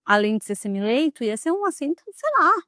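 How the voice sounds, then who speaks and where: A woman's voice: a little high, brisk, no room sound, studio quality. A young woman telling a personal story to camera in a dramatic, emotional way. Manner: dramatic, emotional retelling with lively quoted speech. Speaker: vlogger.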